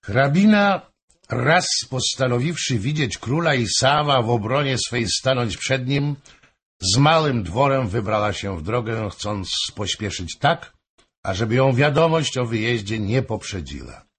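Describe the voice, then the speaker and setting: A man narrating a historical novel in a measured, expressive storytelling manner. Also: mid-range voice, husky. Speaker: audiobook narrator.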